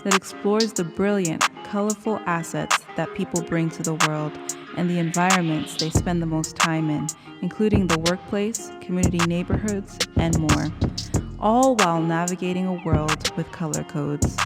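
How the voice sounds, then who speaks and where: A woman's voice: fairly low pitch, moderate pace, big-room sound, loud music behind the voice. A woman hosting a podcast, reading an introduction and then asking interview questions with encouraging replies. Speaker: podcast host.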